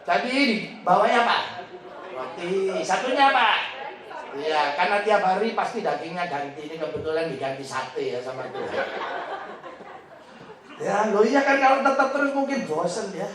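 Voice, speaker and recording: Lively joking pastor in an echoey hall. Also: male voice, high-pitched, normal speed, crowd noise. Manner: animated, joking storyteller who laughs often. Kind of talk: humorous sermon. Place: large hotel function hall. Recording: echoey hall, mic at a distance.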